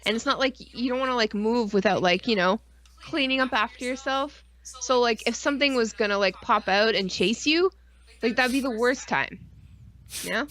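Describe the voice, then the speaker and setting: Swearing freely and drifting from story to story, this podcast co-host chats casually in a fairly high voice at normal speed. She keeps things animated by performing little asides as she goes.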